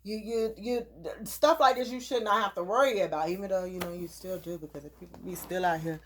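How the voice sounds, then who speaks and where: A woman's voice: lowish voice, brisk, slight background noise. A woman in her thirties talking casually and earnestly, giving advice in a preachy way and often repeating her words. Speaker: host.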